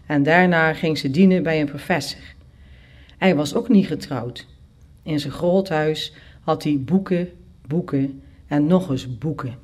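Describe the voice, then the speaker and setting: A storyteller narrating a first-person story in a lively, expressive way. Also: medium pitch, unhurried. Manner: lively, expressive, acts out characters.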